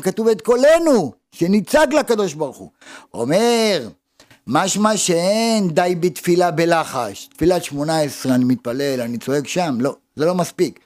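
A man teaching a Torah lesson as a rabbi, preaching with passion, dropping to hushed tones and rising to loud cries as he acts out prayers. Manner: impassioned, swings between loud cries and hushed low lines.

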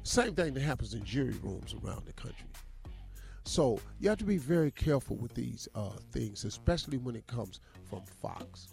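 A man's voice: medium pitch, big pitch swings, normal speed, vocal fry, a little mellow, faint music behind. A man co-hosting radio, giving emphatic, folksy opinions in casual talk. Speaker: radio show co-host.

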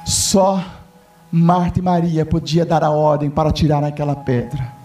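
A male pastor preaching a sermon in a church, emphatic and repetitive, building up to shouts. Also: fairly high pitch, flat delivery, a little slow. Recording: distant mic with faint music.

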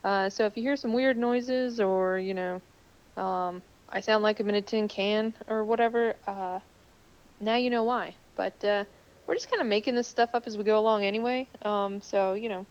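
A woman's voice: mid-range voice, steady tone, moderate pace, clean tone. A woman co-hosting a casual podcast, calling in on her cell phone so her voice sounds tinny, like a tin can, and chatting loosely with many fillers. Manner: chatty, rambling, lots of fillers. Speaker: co-host. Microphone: cell phone call.

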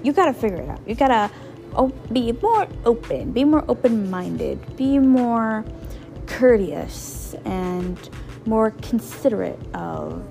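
A woman with a gravelly, slightly hoarse voice, rambling informally as she gives casual advice as a solo podcast host, repeating phrases for emphasis. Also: fairly high pitch, sing-song, slow pace, mellow, soft background music. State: hoarse, voice partly lost.

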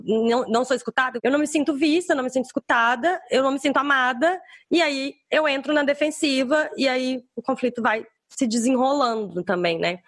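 A woman in a casual panel discussion, warmly inviting others into an exercise and thinking aloud. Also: a little high, dry recording, studio quality.

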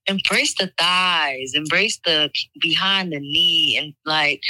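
A woman with a raspy voice talking candidly in a casual chat as a guest. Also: low voice, slow, sharp tone, no room sound, poor audio.

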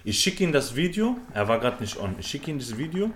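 A man's voice: mid-range voice, very animated, brisk, a bit bright, a little hiss or hum. A young man hosting a podcast, telling a rambling, slangy story to friends with lots of fillers. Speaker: podcast host. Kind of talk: casual storytelling among friends.

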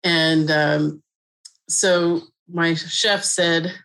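A middle-aged woman from Colorado, a mushroom expert guest, chatting in a relaxed way with lots of fillers and frequent laughter. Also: sits low, very slow, low-quality recording. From Colorado, USA. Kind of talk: casual interview conversation.

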